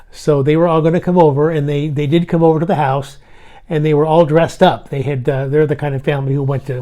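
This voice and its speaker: A man in his sixties telling a holiday memory to his grown children in a gentle, rambling way, with many fillers and restarts. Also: a little high. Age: 60s. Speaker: family vlogger. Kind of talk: casual storytelling to family.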